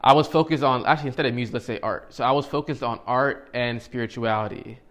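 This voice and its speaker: A man's voice: medium pitch, quick pace, fairly bright tone. A man of thirty-one giving a casual, rambling motivational talk to camera as a vlogger, with many fillers and restarts. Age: 30s.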